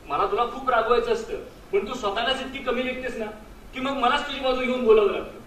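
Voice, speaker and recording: An Indian actor with a very high, fairly bright voice talks fast in a steady tone, portraying a sentimental husband who still loves someone from his past. His earnest, wistful lines come through on an echoey stage, picked up by a distant mic with background noise.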